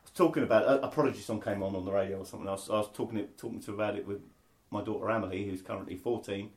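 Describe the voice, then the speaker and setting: A man, co-hosting a podcast and telling sweary, animated anecdotes. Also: on the low side, rapid-fire. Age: 40s. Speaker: podcast co-host. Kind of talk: casual storytelling.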